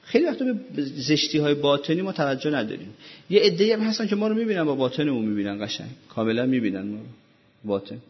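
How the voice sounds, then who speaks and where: Man, sermon, religious lecturer, husky voice, rhetorical questions, muffled lo-fi sound. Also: a little high, big pitch swings.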